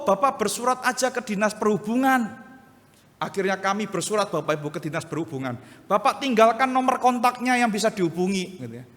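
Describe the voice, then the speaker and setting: A high-voiced man preaches a sermon with an East Javanese accent, his tone bright and animated as he acts out characters in his anecdotes. The sound carries the long reverb of a church hall. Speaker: pastor. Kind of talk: sermon with storytelling.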